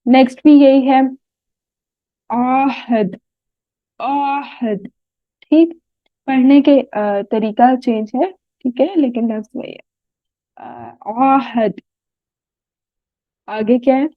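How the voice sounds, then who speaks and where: A woman with a Pakistani Urdu accent teaching a tajweed lesson, sounding out Arabic words slowly and often checking "right?" with her students. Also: high voice, no echo. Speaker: Quran recitation teacher. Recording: tinny phone-like dry audio.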